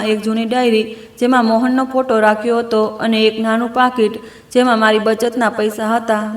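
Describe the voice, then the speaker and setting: A woman reading a first-person family story aloud in an emotional, measured storytelling manner. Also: on the high side, echoey room.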